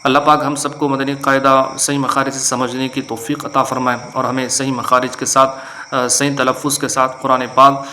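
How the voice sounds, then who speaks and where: A man with a Pakistani Urdu accent teaching a religious lesson and stretching out letter sounds slowly, with filler pauses. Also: medium pitch, flat delivery, bright, forceful tone, slight background noise. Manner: slow drawn-out letter recitation with frequent filler pauses. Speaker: Quran reading teacher. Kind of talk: religious lesson with Arabic invocations.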